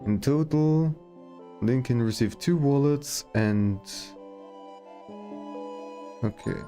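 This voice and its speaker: Very low-pitched woman casually streaming a game. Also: slow, warm tone, faint music behind. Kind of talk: casual gameplay commentary.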